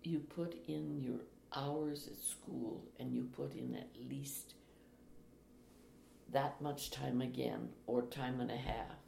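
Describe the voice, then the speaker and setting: Slow, gravelly older woman recalling. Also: extremely low pitch, animated. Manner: slow, reflective, with soft laughs. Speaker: retired teacher, interviewee. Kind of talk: oral history interview. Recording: echoey room, faint hiss.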